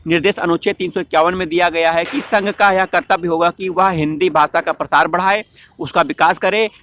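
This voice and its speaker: High, bright-voiced male teacher. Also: fairly even intonation, fairly quick, slight background noise. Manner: repeats answers and corrects himself mid-word. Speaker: exam-prep teacher. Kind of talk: spoken lesson, question and answer.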